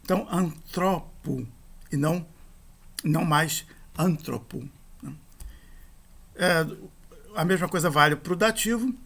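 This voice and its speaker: A man's voice: fairly high pitch, normal speed, pauses often, fairly bright tone. A man, teaching a grammar lesson and spelling out endings and rules step by step.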